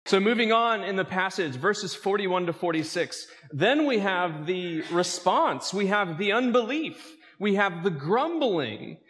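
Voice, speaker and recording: A man's voice: a little high, long reverb tail. A male pastor preaching a sermon, calling out questions to his congregation. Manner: lively preaching with calls to the congregation.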